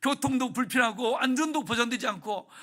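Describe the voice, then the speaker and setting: A man's voice: extremely high pitch, a little fast, pushed and bright. A male pastor giving a sermon, telling a story with feeling and putting questions to the congregation. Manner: emotional storytelling that acts out prayers and asks the congregation questions.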